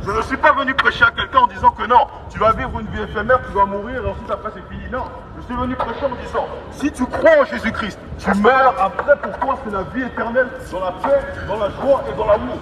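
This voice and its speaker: Heard distantly outdoors, a man with a high voice delivers evangelistic street preaching over a megaphone in a crowded urban area. His speech is repetitive and declamatory with halting restarts, and the echoing sound competes with crowd noise and passing vehicles.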